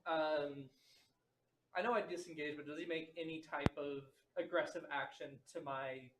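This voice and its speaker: A man's voice: a little high, steady tone, moderate pace, a bit bright. A man playing a rogue in a tabletop game, chatty and laughing often, with lots of fillers. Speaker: player. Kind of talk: casual tabletop play. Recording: roomy with clear background noise.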